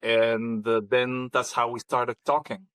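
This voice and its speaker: A man's voice: medium pitch, completely flat delivery, unhurried, fairly bright tone, clear, resonant tone, no echo. Hesitant man from Kazakhstan. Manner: hesitant, many ums and restarts. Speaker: podcast guest. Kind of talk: conversational interview.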